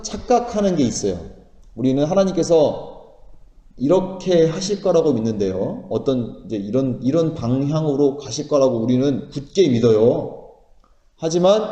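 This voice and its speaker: A pastor with a medium-pitched, dark-toned voice preaches a sermon in a church sanctuary, posing questions to the congregation and answering them himself. The hall is echoey with long reverb.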